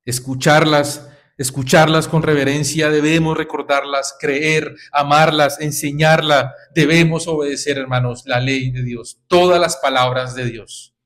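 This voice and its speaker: A man's voice: on the high side, fairly even intonation, unhurried, fairly bright tone. A man preaching a sermon to his congregation, exhorting them with repeated rhetorical questions and calls of "brothers". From Colombia.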